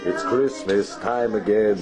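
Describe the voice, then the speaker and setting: A man's voice: on the low side, steady tone, unhurried. A man holding a camcorder at a family Christmas gathering, joking and humming nonsense scat as he films, heard on an old VHS home video tape. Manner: jokey, hums nonsense scat sounds. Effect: old VHS camcorder home video sound. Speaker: home video camera operator. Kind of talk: playful running commentary while filming. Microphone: built-in camcorder mic. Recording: old VHS tape with loud music behind.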